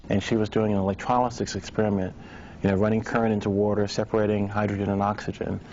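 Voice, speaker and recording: A man's voice: on the low side, flat delivery, fast, darkish tone, slight background noise. A man from Virginia, an astronaut, telling stories in a documentary interview, often saying "you know". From Virginia, USA. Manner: storytelling, uses "you know". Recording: dull lo-fi recording.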